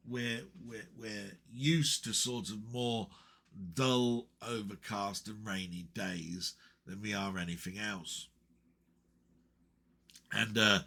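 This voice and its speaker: A man's voice: on the low side, pushed and bright. A middle-aged English man chatting casually and reading out viewer comments, meandering with frequent ums and restarts. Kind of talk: casual rambling chat.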